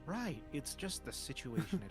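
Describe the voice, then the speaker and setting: A man's voice: fairly high pitch, big pitch swings, measured pace, soft background music. A young man in casual chat with his game group, blunt and sweary. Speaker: tabletop game player.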